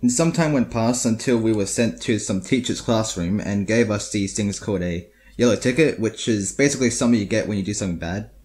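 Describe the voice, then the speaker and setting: A man's voice: on the low side, fairly quick, few pauses, a little mellow. A teenage boy telling crude school stories in a casual, profane, rambling way, full of restarts. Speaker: storyteller. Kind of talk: casual storytelling.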